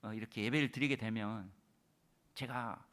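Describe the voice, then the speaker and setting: A male pastor delivering a sermon, moving between booming proclamation and soft whispers. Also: fairly even intonation, normal speed. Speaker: senior pastor.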